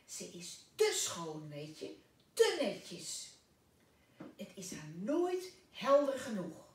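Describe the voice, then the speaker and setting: A fussy, kindly little old man, fretting and emphatic with a lively swing in the voice, as a woman reads him aloud. The recording is echoey and slightly distant. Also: mid-range voice. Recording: echoey room, distant mic.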